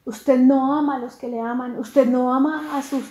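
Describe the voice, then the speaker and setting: A woman playing a stern male army commander who rebukes his king, speaking slowly and with weight, in an echoey room. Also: high-pitched, steady tone, a little mellow, natural voice.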